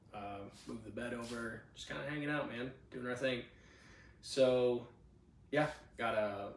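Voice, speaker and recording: On his home podcast, recorded in a spare bedroom with a handheld mic, a twenty-something man born in Cuba tells casual personal stories. His mid-range voice is reverberant and picked up from a distance, with slight background noise, and his easygoing chatter is full of "you know what I'm saying."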